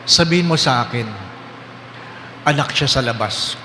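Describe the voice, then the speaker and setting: A priest lowers his voice to play a dying husband, pleading softly and probing for a hidden truth. The sound rings with long hall reverb. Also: normal speed, slight background noise, natural voice. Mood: coaxing. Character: dying middle-aged husband, coaxing and suspicious. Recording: roomy hall reverb with faint ambience.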